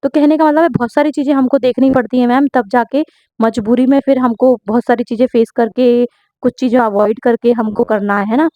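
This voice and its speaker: A young woman with a fairly high voice talks earnestly and at length, answering viewers' questions about her home baking business. She keeps checking in with her listeners as she goes. The recording sounds dull and dry, as if made close up at home. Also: fairly even intonation, fairly quick, dry recording. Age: young adult. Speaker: home baker. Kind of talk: casual Q&A vlog.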